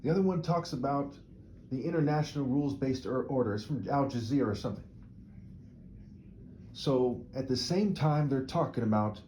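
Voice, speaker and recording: With a mid-range, dark voice and a little hiss or hum in the audio, a man delivers an opinionated solo monologue to camera as a video commentator. He rambles rhetorically, tags his points with frequent "right?" check-ins, and repeats words while restarting sentences.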